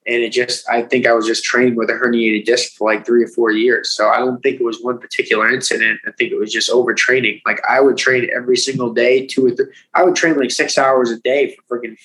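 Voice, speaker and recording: A man's voice: mid-range voice, fast, hardly any pauses, low-quality recording. A man in his thirties with a Boston accent, a professional fighter telling his story in a casual interview, acting out quotes with lots of "like" and "you know.". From United States. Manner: animated, acts out quotes, frequent "like" and "you know".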